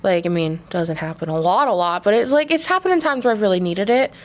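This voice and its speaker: A woman in her twenties co-hosting a podcast, telling a story in a casual, animated way, full of laughs and "like". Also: mid-range voice, fast talker. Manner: animated, laughing, heavy use of "like". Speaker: podcast co-host.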